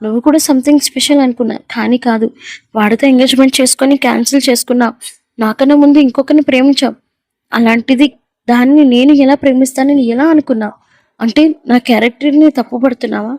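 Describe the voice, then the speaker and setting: A heartless young man who mocks and sneers at the woman who loves him, read by a woman narrator. The voice stays high and quick, with a dark, mellow color. The sound is dry and close, with no room in it. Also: steady tone, no echo. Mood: contemptuous. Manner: taunting and contemptuous. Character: callous, scornful young man lover. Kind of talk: audio story reading.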